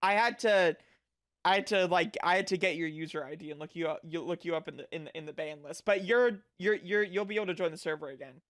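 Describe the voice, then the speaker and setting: A livestreamer chatting casually with viewers in a cute anime-streamer manner, animated and sweary, with bubbly delivery. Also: medium pitch, fast talker.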